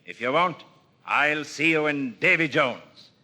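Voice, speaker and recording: An actor playing a stern, resolute sea captain in an audio drama, clipped, commanding and sardonic. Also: male voice, on the high side, measured pace, sharp tone. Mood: scornful, commanding. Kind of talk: audio drama acting on a record.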